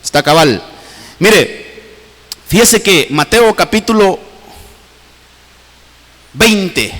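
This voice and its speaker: A man preaching a sermon as pastor in a church, fervent and swinging his pitch widely while calling his listeners brother. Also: lively intonation, very slow, fairly bright tone. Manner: fervent preaching with sweeping pitch swings, repeatedly addressing "hermano". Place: church hall. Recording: long church reverb.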